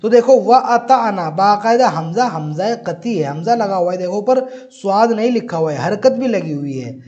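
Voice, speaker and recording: Guy teaching grammar online, high voice but mellow, keeps saying look and repeating stuff. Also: lively intonation, moderate pace, lo-fi sound. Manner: patient, repetitive explaining, often says "look", recites Arabic examples. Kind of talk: explanatory online lesson.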